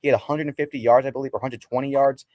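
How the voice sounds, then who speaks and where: A young man hosting a casual sports podcast, talking in an excitable, slangy, ranting way. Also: medium pitch, very fast, no echo. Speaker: podcast host.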